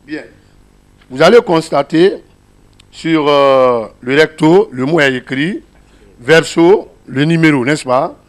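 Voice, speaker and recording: A man's voice: a little high, slow pace. A man with a Guinean French accent teaching a class, explaining a reading method step by step and asking his listeners questions.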